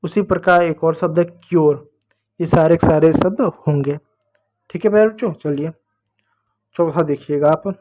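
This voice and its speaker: A man's voice: on the high side, normal speed, pauses often, mellow. A man teaching English phonics to children, patiently repeating each step with questions. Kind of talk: blackboard phonics lesson for children.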